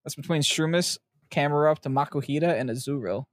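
A man's voice: a little high, a little fast, no echo. A man co-hosting a quiz and reading out the options, casual and teasing, laughing often. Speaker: quiz co-host. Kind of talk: casual chat.

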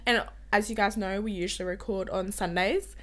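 A young woman chats casually as a podcast co-host at an ordinary mid pitch. Her voice is a bit off from a recovering sore throat and doesn't get very loud. She talks in an informal, rambling, giggly way. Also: steady tone, fairly quick. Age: young adult. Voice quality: slightly off voice from sore throat, limited volume. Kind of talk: casual chat.

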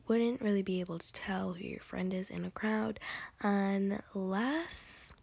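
A teenage girl doing a whispered ASMR talk, casual and rambling with many fillers, in a breathy whisper. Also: mid-range voice, a little mellow.

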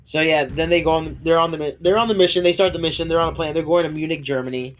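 Speaking fast in a slightly high voice, this man co-hosts a laid-back podcast and retells a show's episode loosely, full of laughs, restarts, cracks in his voice and occasional coughs. A faint hiss or hum sits under the recording.

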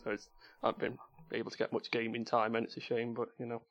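A man's voice: medium pitch, monotone, quick pace, vocal fry, dull audio. Man with a Potteries accent hosting a podcast. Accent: Stoke-on-Trent Potteries. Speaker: stand-in podcast host. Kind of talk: informal gaming podcast chat.

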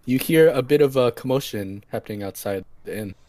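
A man running a tabletop game as game master, narrating in a relaxed way with frequent laughter. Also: medium pitch, brisk, dry recording.

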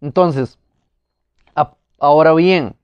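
A man's voice: fairly high pitch, slow, clear, resonant tone, no room sound, dull audio. A man preaching a motivational sermon, talking earnestly and with emphasis, speaking straight to his listeners.

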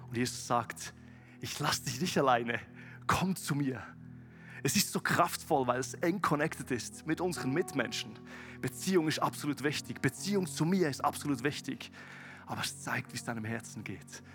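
A man preaching a sermon to his congregation and leading a closing prayer. He moves between quiet, low passages and loud, emphatic rises, speaks straight to his listeners and slips English words into his German. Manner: addresses listeners directly and calls out to the congregation. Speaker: pastor. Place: church service, streamed to several sites.

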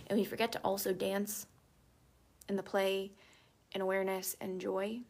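A woman coach talks through a self-help live stream in a soft, reflective way. Her voice has a gravelly, creaky texture. She often sinks to a near whisper. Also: mid-range voice.

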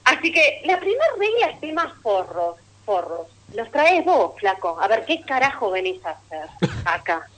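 A woman's voice: medium pitch, fairly bright tone, rough recording. A woman with a Rioplatense Argentine accent doing a stand-up monologue on radio, telling stories with chatty asides to the audience and laughing at her own punchlines. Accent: Rioplatense Argentine Spanish. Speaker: stand-up comedian.

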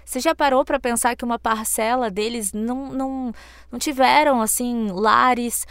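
A Brazilian woman hosting a podcast in a casual, playful, chatty way, her voice a little hoarse. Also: a little high, fairly even intonation, moderate pace, a bit bright, no room sound. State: slightly hoarse, recovering lost voice. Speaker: podcast host.

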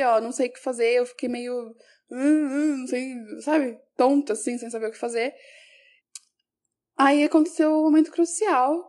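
Female teacher recounting an anecdote; reflective, corrects herself as she goes, slightly high, mellow voice. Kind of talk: personal storytelling.

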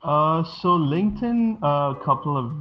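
A man's voice: a little high, lively intonation, a little slow. A man in his twenties, originally from Sri Lanka, answering interview questions casually and hesitantly, with many fillers and restarts. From Sri Lanka, raised in Bahrain. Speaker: guest, design studio co-founder. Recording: dull lo-fi audio with music behind.

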